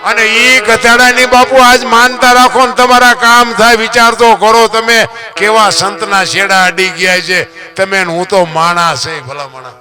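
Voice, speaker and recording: A folk storyteller and writer with a high, steady voice speaks a little slowly in a preachy, moralizing talk, telling folk stories, asking rhetorical questions, and half-singing some lines. Clear guitar music plays beneath his voice.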